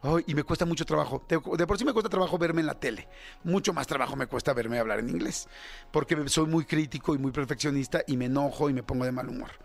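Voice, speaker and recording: A man's voice: fairly high pitch, quick pace, creaky, soft background music. A man in his fifties with a Mexican Spanish accent, hosting a radio show in a candid, self-critical casual monologue full of fillers. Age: 50s. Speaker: radio host.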